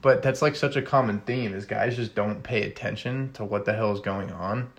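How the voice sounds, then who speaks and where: A man hosting a casual conversation, talking in a relaxed way with lots of fillers. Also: fairly low pitch, normal speed. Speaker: host. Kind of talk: casual chat.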